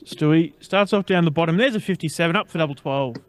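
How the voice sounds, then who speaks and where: Male sports co-commentator, relaxed and conversational, lightly raised pitch, dry close sound. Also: fast, no room sound. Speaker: darts co-commentator. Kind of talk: casual live sports commentary.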